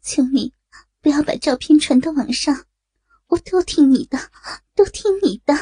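A woman's voice: high-pitched, steady tone, measured pace, warm tone, breathy edge, voice pushed up. A woman voicing a frightened young policewoman who pleads and gives in, in an audio story. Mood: pleading, desperate. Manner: pleading, breathless, rising desperate cries. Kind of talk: audio drama reading.

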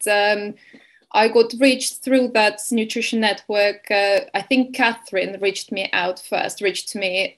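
Woman, nutrition advisor guest, unhurried and halting, filler words throughout. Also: medium pitch. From Estonia. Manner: hesitant, many fillers. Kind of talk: webinar interview.

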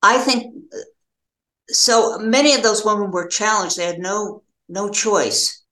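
Here an older American woman answers interview questions about her work as a novelist, thoughtful and halting with pauses inside her phrases. The pitch is medium and a bit bright, in a roomy-sounding space.

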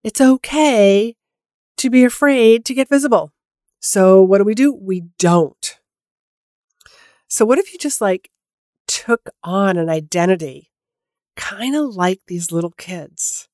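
Speaking slowly with long pauses, a podcast host talks on her own in a loose, chatty manner, full of fillers and restarts, her voice a bit nasal from a head cold. She has an expressive, mid-range, slightly mellow voice. The studio recording is clean and dry.

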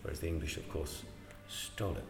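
Deep-voiced male interviewer, echoey room. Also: fairly quick, creaky, far from the mic, loud music behind the voice. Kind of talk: casual conversational interviewing.

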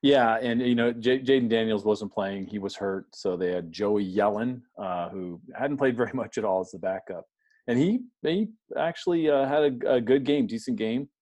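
Laid-back low-voiced sports co-host, man. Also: moderate pace, darkish tone, muffled recording. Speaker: podcast co-host. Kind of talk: casual sports talk.

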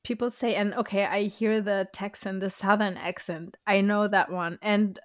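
Woman host, relaxed interviewer, mid pitch, dry close mic. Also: moderate pace, dry recording. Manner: relaxed, asks short questions, laughs along. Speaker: podcast host. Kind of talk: casual interview.

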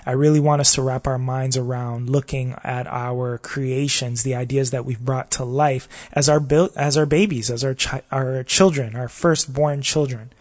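A man hosts a casual solo podcast in a voice of ordinary middle pitch with a slight scratchiness. He talks in a loose, reflective, rambling way and keeps checking in with the listener. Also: steady tone, moderate pace, hardly any pauses. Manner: rambling and reflective, often asking "you know what I mean?". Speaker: podcast host.

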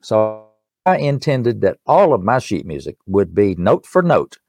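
Faint music plays behind an older man from East Tennessee whose lowish, darkish voice swings widely in pitch at a measured pace. As a musician and author being interviewed, he explains things in a folksy, earnest conversational style. His accent marks him as being from East Tennessee.

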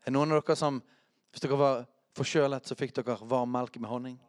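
A man preaching a charismatic sermon, chatty and self-correcting, who shouts out scripture. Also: mid-range voice, steady tone.

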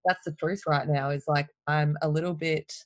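A woman's voice: sits low, moderate pace, no echo. Candid woman talking openly, dry sound. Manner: open, emotional, animated storytelling. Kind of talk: candid casual conversation.

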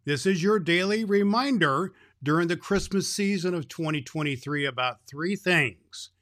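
Man acting as jolly old Santa, bright forceful voice, kindly, grandfatherly, folksy children's holiday show host. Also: on the high side, normal speed, lightly acted. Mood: cheerful, kindly. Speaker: host of a daily children's Christmas story show. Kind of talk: unscripted, folksy address to child listeners.

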